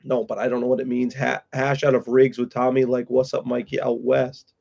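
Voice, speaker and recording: A man's voice: medium pitch, completely flat delivery, a little fast, creaky, darkish tone. A man hosting a casual live chat with friends, talking bluntly and swearing freely. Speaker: streamer host. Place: room with friends.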